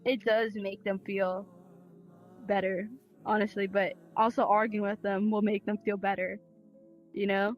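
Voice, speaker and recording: A woman in her twenties chatting casually, telling animated stories and mimicking other people in mocking voices. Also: mid-range voice, a little slow, muffled recording. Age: 20s. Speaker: VRChat player. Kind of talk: casual chat. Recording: faint music behind.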